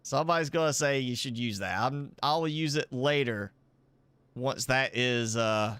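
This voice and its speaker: A man's voice: medium pitch, measured pace, a bit bright, clear, resonant tone, no echo. Chuckly man rambling over gameplay. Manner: rambling and chuckling, thinking aloud. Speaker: gaming channel host. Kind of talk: casual live gameplay commentary. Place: indoors at home with a pet dog.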